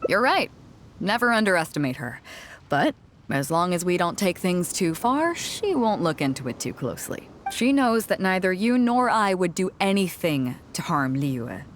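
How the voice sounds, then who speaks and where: A woman's voice: on the low side, sing-song, normal speed, slight background noise. A woman playing a confident, easygoing fleet captain in a video game, with a self-assured, wry, playful manner. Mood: wry, confiding.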